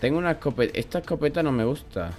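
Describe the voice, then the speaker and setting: A young man from Spain with a Spanish accent and a sore throat, commentating a video game casually, swearing often and bursting into loud shouts. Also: on the high side, racing, soft background music. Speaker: gaming YouTuber. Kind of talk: let's play commentary.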